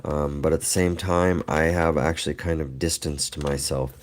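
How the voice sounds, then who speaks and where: His voice rumbles low with fairly even intonation at normal speed, lowered further by allergies, as this middle-aged man hosts a livestream. He chats casually and rambles to viewers, laughing frequently, over a little hiss or hum.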